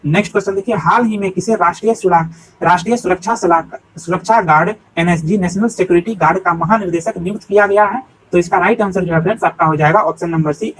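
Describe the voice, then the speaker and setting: A young man, an exam coach, reading through practice questions and their answers in a steady, repetitive teaching patter, calling his viewers friends. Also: sits high, breathy edge, poor audio. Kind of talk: exam practice-set walkthrough.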